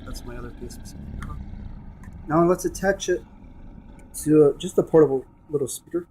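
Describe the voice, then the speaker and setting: A man with a fairly high, dark-toned voice demonstrates a gadget hands-on at a moderate pace, casual but emphatic and repetitive. The room is noisy, the device adds static, and radio scanning static runs in the background.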